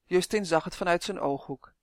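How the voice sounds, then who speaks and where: Steady storybook reader, dry close sound. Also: mid-range voice, normal speed, dry recording. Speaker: audiobook narrator. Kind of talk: storybook narration.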